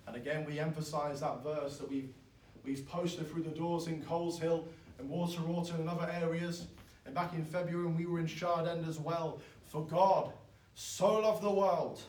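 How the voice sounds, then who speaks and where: A man, preaching a sermon in an earnest, pleading way that swells loud and then drops soft. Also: on the high side, little pitch movement, normal speed, slight background noise. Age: 20s. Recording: echoey, from far off.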